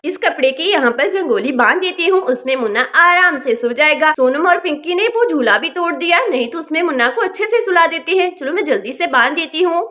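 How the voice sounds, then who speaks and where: A woman's voice: high voice, expressive, brisk, few pauses, sharp tone. A woman voicing a fussy, worried village housewife who scolds yet cares for everyone. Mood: grumbling. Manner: fussy, complaining.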